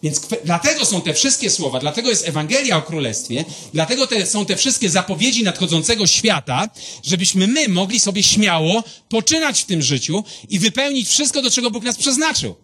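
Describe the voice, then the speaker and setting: In a high-pitched voice at a slightly fast pace, a pastor preaches, recounting personal stories. He talks to his listeners directly in a lively, conversational style.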